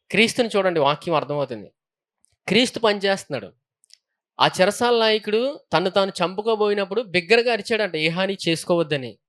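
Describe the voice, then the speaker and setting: Male pastor, high voice, sermon with Bible reading and call-outs. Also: a bit bright. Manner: preaching with frequent hallelujahs and questions to the congregation.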